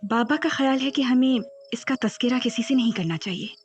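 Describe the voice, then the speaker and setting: An actress playing a proud young granddaughter who gives curt commands. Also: female voice, on the high side, brisk, faint music behind, close to an everyday voice. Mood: irritated. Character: proud, bossy young woman, chieftain's granddaughter.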